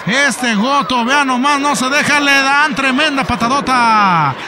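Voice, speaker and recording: High-pitched, shouting Mexican male wrestling commentator. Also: unhurried. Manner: shouting, excitable, playful, quoting wrestlers and crowd. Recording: loud arena noise behind voice.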